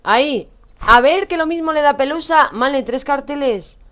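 A woman's voice: high voice, normal speed, fairly bright tone. A young woman with a Spanish accent from Spain, chatting and teasing her viewers while she streams a game. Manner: chatty, teasing, addresses chat, laughs often. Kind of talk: casual gameplay commentary.

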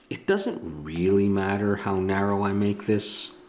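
At a desk in a home room, a middle-aged man with an Ottawa Valley Canadian accent works slowly through a 3D modeling tutorial, speaking at a fairly low pitch. He muses to himself and corrects himself along the way, with slight background noise.

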